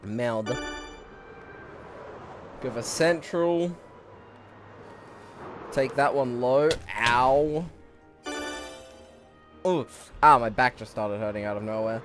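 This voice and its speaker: A man's voice: medium pitch, slow, long pauses, music in the background. A young man giving casual live commentary on his gameplay, rambling and swearing, a bit out of breath. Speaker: streamer.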